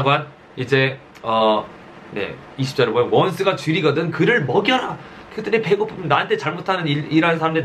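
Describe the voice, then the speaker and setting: A middle-aged man preaching a sermon as a pastor, conversational and halting, often checking in with listeners. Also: mid-range voice, fairly bright tone. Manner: halting, many fillers and self-corrections. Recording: faint background noise.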